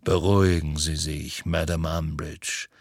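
A man voicing a tall, calm male wizard with a deep, slow voice in an audiobook reading. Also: dry recording, clean studio sound.

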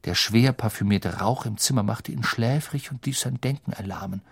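A man narrating a fantasy novel as an audiobook in a calm, measured way. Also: fairly low pitch, vocal fry, slightly rough. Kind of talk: scripted narration.

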